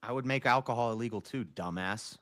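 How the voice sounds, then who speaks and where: A man with a slightly high voice argues in a live online debate. He is clipped and dismissive and keeps pressing for a clear claim. The recording is dry and close. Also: animated, fast, no echo.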